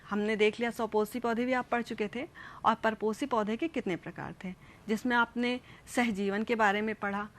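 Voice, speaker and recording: A woman's voice: a little high, fairly bright tone. A woman teaching a school science lesson, speaking straight to children and repeating each step as she demonstrates.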